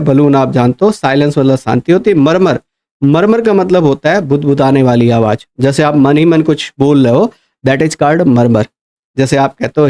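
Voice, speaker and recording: A man's voice: mid-range voice, mellow. A man teaching for exam preparation, explaining word meanings patiently and checking in with his students. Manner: explains patiently, asks "है ना?" often, reads English quoted sentences slowly. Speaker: English teacher. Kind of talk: exam-prep lecture.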